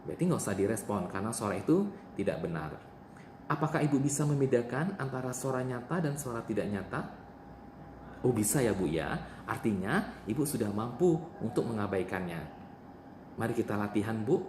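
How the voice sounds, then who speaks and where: A man's voice: lowish voice, animated, a little fast, darkish tone. A man playing a nurse in a role-play demonstration, patiently repeating the patient's answers back to her. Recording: echoey room with faint noise.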